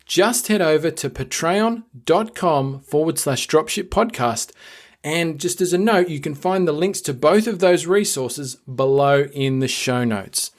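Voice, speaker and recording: A man's voice: fairly high pitch, animated, a little slow. A man hosting a podcast, reading promos and interviewing a guest in an upbeat, conversational way. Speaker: podcast host. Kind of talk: casual interview and scripted promo read.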